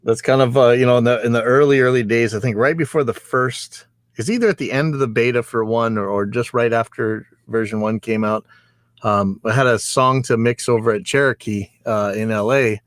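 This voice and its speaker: A man's voice: medium pitch, fairly even intonation, a little fast, no room sound, clean studio sound. A man chatting casually and telling anecdotes like a recording engineer, rambling and repeating phrases as he goes. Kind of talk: casual chat, anecdotal storytelling.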